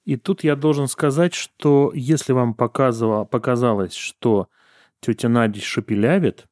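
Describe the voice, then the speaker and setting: Guy lecturing on linguistics, warm dark voice, dry sound, scholarly but conversational. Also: medium pitch, moderate pace, dry recording. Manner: erudite, conversational asides. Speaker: lecturer in Russian dialectology. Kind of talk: explanatory lecture.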